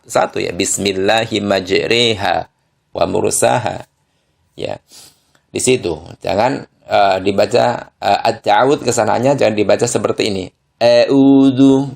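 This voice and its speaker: A man teaching Quran recitation rules, slow and patient, tagging each point with a short "ya" and sounding the examples out aloud. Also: fairly low pitch, creaky. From Indonesia. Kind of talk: tajwid lesson.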